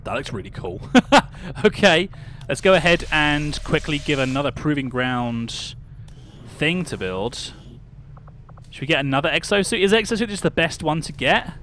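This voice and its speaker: A young man from Britain talks through a game on a live stream, greeting viewers, laughing and musing aloud. His voice sits a little high for a man. A faint hum runs under the recording. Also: very animated, moderate pace, a bit bright. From United Kingdom. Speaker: livestreamer. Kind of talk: casual game livestream chat.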